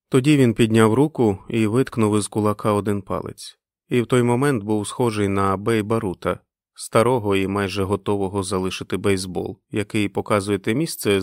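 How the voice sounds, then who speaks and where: A male audiobook narrator with a lowish voice tells the story expressively. The recording is dry and close, without room sound. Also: no echo.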